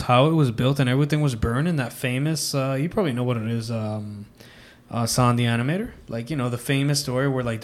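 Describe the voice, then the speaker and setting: A man who is a guest voice actor, rambling and correcting himself in a casual podcast chat, with the odd swear. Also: medium pitch.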